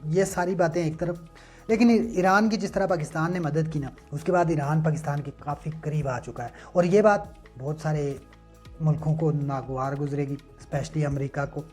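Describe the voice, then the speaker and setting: With music in the background, a man with a husky, a little mellow voice on the high side gives political news analysis at a moderate pace. As an online commentator, he's emphatic and rhetorical, mixing read script with casual asides.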